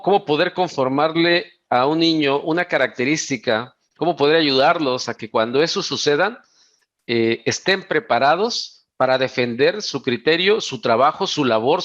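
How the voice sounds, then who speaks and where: A man's voice: mid-range voice, a bit bright, highs cut off. A man hosting an interview podcast, asking long, searching questions with many restarts. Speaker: podcast host. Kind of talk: conversational interview.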